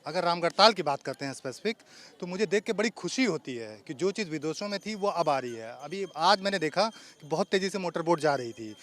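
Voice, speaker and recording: A man gives his view in a street interview, talking it through with everyday examples. His voice is rather high-pitched and his tone is explanatory. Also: expressive, fairly quick, fairly bright tone. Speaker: interviewee, salaried employee. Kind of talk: conversational opinion.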